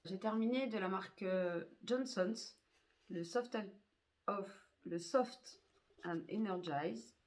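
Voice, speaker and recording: A woman's voice: medium pitch, slow. A woman reviewing used-up beauty products in a chatty way, full of hesitations and fillers. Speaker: beauty vlogger.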